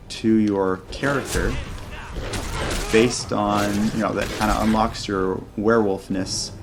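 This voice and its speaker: A man hosting a gaming channel, giving chatty mod showcase commentary and thinking aloud as he plays. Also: fairly low pitch. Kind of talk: casual video game mod showcase commentary.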